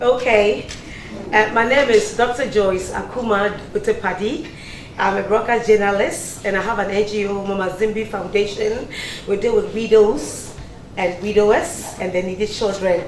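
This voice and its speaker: A woman's voice: mid-range voice, normal speed, slight background noise. A woman, a broadcast journalist, politely introducing herself to a group. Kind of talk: self-introduction. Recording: echoey room.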